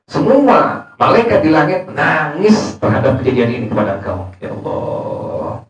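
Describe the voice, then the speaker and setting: Preacher, male, slightly high voice, reads Arabic then explains casually, distant mic, echoey room. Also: huge pitch swings, normal speed. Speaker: religious teacher. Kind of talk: Islamic study sermon. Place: prayer room.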